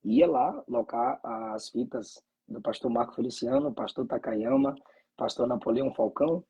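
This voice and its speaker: A man's voice: a little high, huge pitch swings, moderate pace, creaky, dark tone, husky, low-quality recording. A man from Bahia, a pastor, speaking with fervent preacherly cadence and frequent hallelujahs. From Bahia, Brazil. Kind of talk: conversation and preaching reflection.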